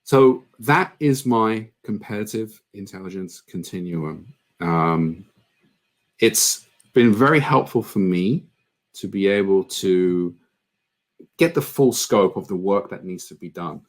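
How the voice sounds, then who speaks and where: Brief: man, lowish voice, conference speaker, earnest conversational delivery with filler ums. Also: expressive, takes it slowly. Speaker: conference speaker on product marketing. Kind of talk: online conference presentation.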